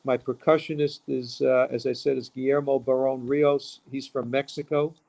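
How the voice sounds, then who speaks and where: A man's voice: medium pitch, little pitch movement, normal speed, creaky, darkish tone. A man from Queens, a musician talking casually as an interview guest. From Queens, New York.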